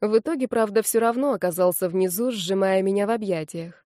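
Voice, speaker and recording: A woman's voice: mid-range voice, brisk, dark tone, no echo. A woman tells a story in the first person, narrating an audiobook expressively. Her voice sits in the middle range. The recording is close and dry.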